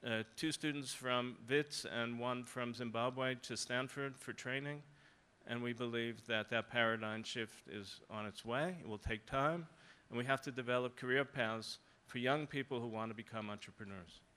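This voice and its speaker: Bright, crisp older man on a panel. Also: medium pitch. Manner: measured, persuasive. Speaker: professor on a panel. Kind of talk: panel discussion. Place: conference stage, large hall.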